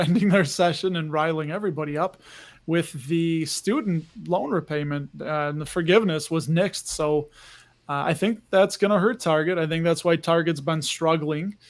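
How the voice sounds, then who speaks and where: A chatty man joins a podcast as a guest, his voice a bit higher than usual for a man. He keeps things light and jokey. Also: moderate pace. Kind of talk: casual podcast chat.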